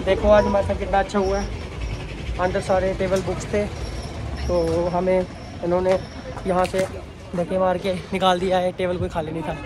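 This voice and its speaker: With a high voice, a young vlogger casually narrates to his phone camera, calling his audience guys and friends. He's out in town and later in a busy restaurant. The recording is noisy, carrying music and the chatter of a crowd.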